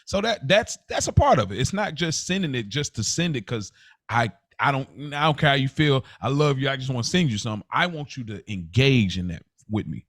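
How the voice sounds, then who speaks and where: A podcast co-host with a mid-range, expressive voice talks briskly in a casual conversation, reflecting on his thoughts at length. He leans on "like" and "you know what I mean." The recording is dry and studio quality.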